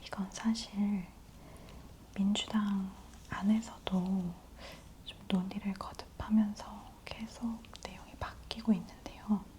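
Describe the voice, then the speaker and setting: Woman leaning in to whisper, slow and soft. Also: mid-range voice, level tone. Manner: whispering softly throughout, leaning in close; slow, gentle explaining to the listener in polite speech. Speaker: host. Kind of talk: whispered ASMR news briefing.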